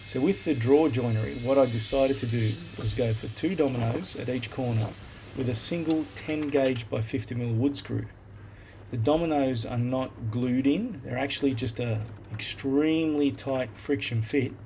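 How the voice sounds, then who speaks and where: Captured on a phone voice-memo app instead of a proper mic, the recording is noisy and hissy. A mid-range, gravelly Australian woodworker narrates his build at normal speed, laid-back and plain-spoken as he walks through it step by step for his video.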